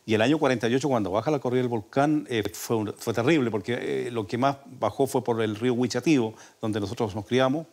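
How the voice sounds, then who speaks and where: Older chilean guy talking slow, rambly stories, lots of eh and restarts, radio interview. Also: medium pitch, a little mellow. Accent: Chilean Spanish. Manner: rambling, with many restarts and fillers. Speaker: folk singer, interview guest. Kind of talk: relaxed storytelling interview. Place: radio studio.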